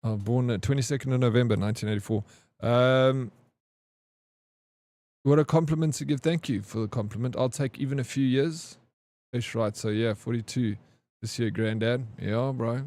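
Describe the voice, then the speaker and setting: Male streamer, 40s, relaxed and jokey, dry close sound. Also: medium pitch, moderate pace, no echo. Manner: chatty, joking, reads and answers chat. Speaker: game streamer. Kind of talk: casual live-stream chat.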